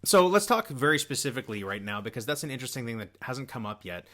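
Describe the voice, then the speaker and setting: Bright-voiced man hosting an interview. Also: medium pitch, very animated, fast talker. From Canada. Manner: friendly, leading questions with summaries. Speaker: podcast host. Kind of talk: casual interview. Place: Toronto-area.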